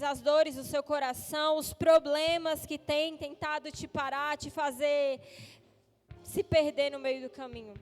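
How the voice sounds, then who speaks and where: Woman pastor, very high voice, impassioned sermon, shouting and tearful pleas, soft music behind. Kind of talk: sermon with altar call. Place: church service.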